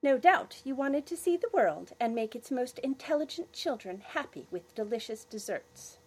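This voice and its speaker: A woman's voice: big pitch swings, moderate pace, slightly rough, heavily acted. A woman voicing a bold, cheeky young girl twin in a storybook reading. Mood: insistent. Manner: high, bright and insistent.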